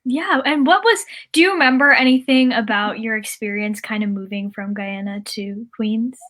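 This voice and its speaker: Bright-voiced young woman hosting an interview. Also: fairly high pitch, normal speed. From United States. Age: young adult. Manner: chatty, upbeat, with frequent fillers and laughs. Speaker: interview host. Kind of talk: casual interview.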